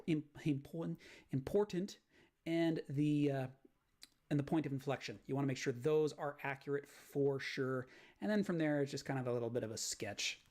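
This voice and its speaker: A man's voice: mid-range voice, darkish tone. A man teaching a math lesson on video, explaining graph sketching step by step and checking in with "right?". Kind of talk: recorded lecture walkthrough.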